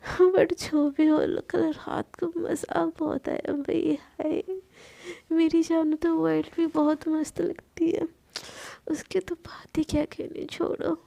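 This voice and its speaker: A woman's voice: extremely high pitch, flat delivery, slow pace, creaky, mellow, exaggerated voice. A woman voicing a playful young wife who wails and teases in a theatrical way. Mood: fond. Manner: melodramatic wailing and teasing. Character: dramatic teasing young woman, playful newlywed.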